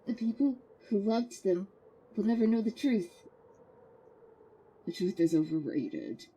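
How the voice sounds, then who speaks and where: A woman's voice: mid-range voice, animated, unhurried, dark tone, voice pushed down. A woman doing a muffled hazmat-suit dude talking into a cup. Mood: casual. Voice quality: hollow, muffled, husky. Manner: laid-back, dude-speak. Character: two young male workers in hazmat suits. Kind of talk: voicing game characters while streaming.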